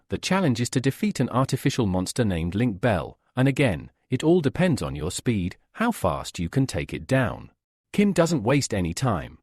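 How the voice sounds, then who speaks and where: Male recap narrator, scripted storytelling, husky voice, very lively pitch, dry close sound. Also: no room sound.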